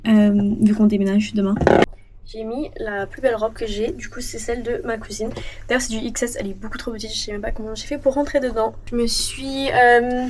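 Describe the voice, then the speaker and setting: A woman's voice: fairly high pitch, steady tone, brisk, darkish tone. A woman of twenty chatting casually and rambling in a bubbly way as she films her own vlog. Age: 20s. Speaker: vlogger.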